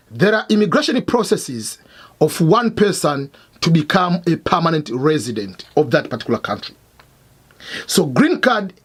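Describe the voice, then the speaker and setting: Tanzanian-born guy hosting a lesson, high husky voice, very animated, repeats his points. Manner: emphatic, repetitive teaching. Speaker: host. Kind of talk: explainer lesson. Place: Missouri, United States.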